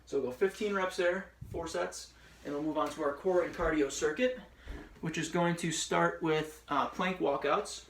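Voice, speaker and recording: Male workout instructor, a touch high, calm step-by-step cues, a bit breathless, distant mic in an echoey room. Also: normal speed, creaky, a little hiss or hum. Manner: cueing exercises step by step, encouraging. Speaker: fitness instructor. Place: room at home with a ceiling fan.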